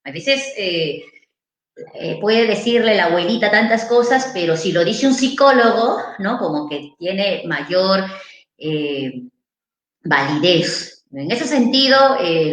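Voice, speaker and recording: A woman's voice: medium pitch, a bit bright. A woman, a psychologist giving an informal seminar and answering questions in a conversational way, often ending phrases with tag questions. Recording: echoey room.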